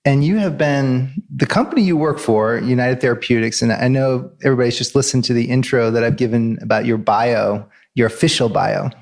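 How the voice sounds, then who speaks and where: A man's voice: medium pitch, brisk, creaky, hardly any pauses. A man hosting a podcast, interviewing a guest in a casual, chatty way. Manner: friendly, chatty, laughs often. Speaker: podcast host.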